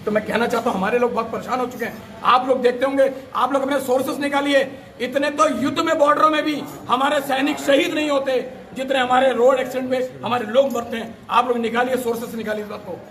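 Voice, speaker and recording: A man's voice: very high-pitched, fairly even intonation, fast talker, a bit bright. A man giving a fiery, accusing protest statement to reporters outdoors, firing off rhetorical questions into a reporter's mic. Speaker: protesting political worker.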